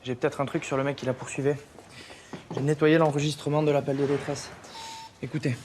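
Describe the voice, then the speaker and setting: A man plays a methodical police investigator in a TV crime drama. He reports facts briskly in a slightly high voice, with faint ambience noise around him. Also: little pitch movement, lightly acted. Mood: focused. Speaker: actor in a police series. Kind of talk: naturalistic TV crime drama acting. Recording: TV soundtrack with background ambience noise.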